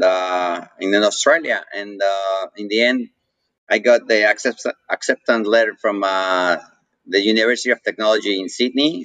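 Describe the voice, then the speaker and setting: A man's voice: lowish voice, fairly bright tone, dry recording, rough recording. A man with a Mexican accent, chatting casually as an interview guest and rambling with many fillers and restarts. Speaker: guest, coffee roaster.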